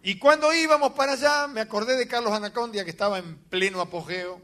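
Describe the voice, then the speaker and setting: A man preaching a sermon, telling a story with animated, dramatic bursts of emphasis. His voice sits high for a man and has a bright, forceful edge. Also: fast. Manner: animated, dramatic storytelling with sudden loud outbursts. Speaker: pastor.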